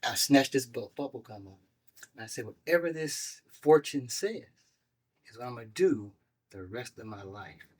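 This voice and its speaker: A man in his sixties tells his story on a talk show. His voice sits at a middle pitch, and he jumps into the voices of the people he quotes to act them out. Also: lively intonation, moderate pace. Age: 60s. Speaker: guest doctor. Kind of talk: casual storytelling.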